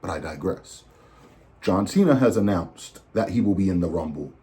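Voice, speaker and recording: Podcast host, male, lowish voice, loose and chatty, breaks into animated rants. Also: moderate pace. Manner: chatty, digressive, animated asides. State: recovering from flu. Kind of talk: casual wrestling predictions.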